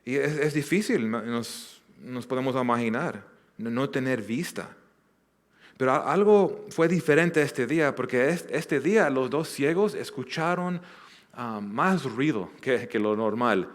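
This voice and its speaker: A man's voice: medium pitch, animated, measured pace. A man pastor teaching a Bible passage verse by verse, earnest, often restarting and repeating words. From Southern California. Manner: earnest, with many restarts and repeated words, acting out quoted lines.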